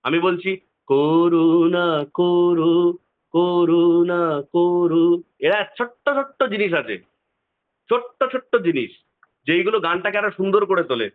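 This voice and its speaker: A man teaching singing on a video call, singing phrases slowly and explaining in quick low asides. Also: big pitch swings. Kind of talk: online music lesson, talking and singing phrases. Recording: tinny phone-like line with faint guitar.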